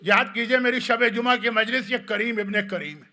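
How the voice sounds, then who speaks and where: A man's voice: extremely high pitch, bright, forceful tone. A man as religious scholar, giving a mourning sermon in a mosque with emotional storytelling, his voice rising and sinking. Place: mosque hall.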